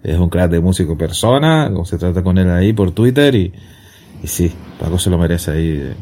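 A man's voice: sits low, lively intonation, a little fast, dark tone. A man hosting a podcast in casual chat, rambling and joking, who now and then sings along off-key. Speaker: podcast host. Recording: echoey room with long reverb.

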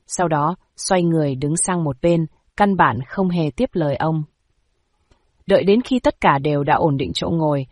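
A woman reading a historical novel aloud with steady, even storytelling, close to the mic. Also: low-pitched, slightly rough, no echo. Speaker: audiobook narrator. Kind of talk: scripted story narration.

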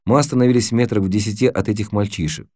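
In a studio-quality recording with no room sound, a man narrates an audiobook. His voice is on the low side, and his storytelling is measured and even.

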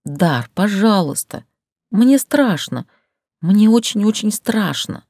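A woman reading an audiobook, voicing a frightened young heroine in a high, tearful, pleading voice. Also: animated, slow, darkish tone, no echo, clean studio sound.

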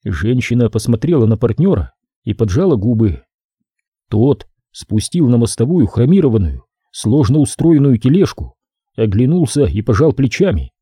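A man narrating an audiobook in an expressive, lively storytelling manner. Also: medium pitch, moderate pace, breathy edge, no room sound, clean studio sound.

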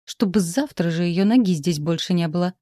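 A woman's voice: fairly quick, dark tone, no room sound, studio quality, lightly acted. A woman voicing a whiny, manipulative old bedridden mother who wails and complains. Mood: whining. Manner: plaintive, wailing, shrill.

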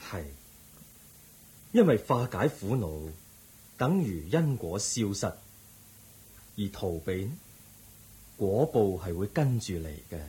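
A serene Buddha in a radio drama, with a low, very mellow voice and Hong Kong Cantonese accent. He teaches with measured compassion and gentle firmness, letting his intonation rise and fall expressively. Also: sing-song, poor audio. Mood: firm, consoling. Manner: measured, instructive, gently firm. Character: the Buddha, calm compassionate authoritative male teacher.

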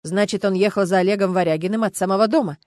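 A woman's voice: medium pitch, fast talker, a little mellow, dry recording, natural voice. A woman voicing a sardonic male friend who talks in a teasing, ironic way, in an audiobook. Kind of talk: audiobook narration.

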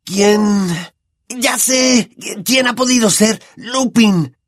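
A man voicing an excitable, impatient teenage boy in an audiobook, eager and boisterous. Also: high-pitched, moderate pace, no room sound, studio quality, pitched above the performer's own voice. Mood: excited.

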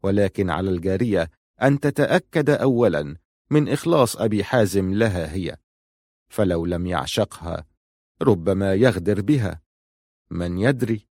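A man reading a novel aloud in steady, measured scripted narration. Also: low-pitched, no echo, studio quality.

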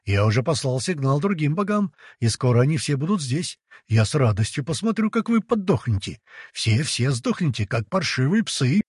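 Guy doing a hysterical blustering sea god, high and husky, screaming threats, audiobook. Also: animated, fairly quick, a little mellow, no room sound, studio quality. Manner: shrieking threats.

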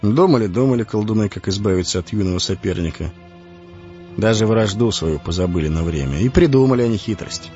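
A man voicing a charming, confident male wizard in an audiobook, calm and storytelling, commanding when angry. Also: on the low side, brisk, close to an everyday voice. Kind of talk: audiobook narration. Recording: dull lo-fi audio with music.

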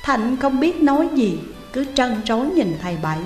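A woman's voice: high-pitched, sing-song, moderate pace. A woman, narrating a story steadily and dramatically. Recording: roomy reverberant room, faint music.

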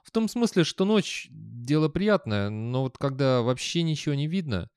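A jittery young man, as a male reader puts him on, speaking a bit higher than the reader's own voice and hesitating. Dry, close audiobook recording. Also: expressive, normal speed, darkish tone, clean tone, no echo, close to an everyday voice. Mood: nervous. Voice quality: anxious, hesitant.

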